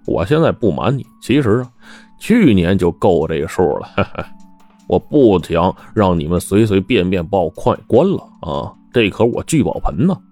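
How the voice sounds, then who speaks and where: A man's voice: sits low, sing-song, moderate pace, mellow, soft background music. A man voicing a scheming, ruthless middle-aged male mine boss in a told story, with an oily, smug, wheedling manner. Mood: sly.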